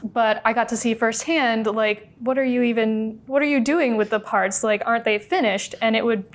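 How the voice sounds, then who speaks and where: A young adult woman, an assistant music librarian, answering interview questions in a relaxed, chatty way with frequent "um" and "like". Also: fairly high pitch, normal speed.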